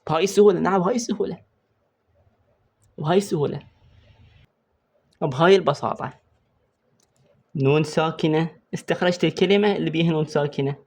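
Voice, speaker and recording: The voice on the high side belongs to an Iraqi-accented man coaching a student for a Quran recitation exam. He poses questions, slowly goes back over the essentials, and writes on a board while he explains.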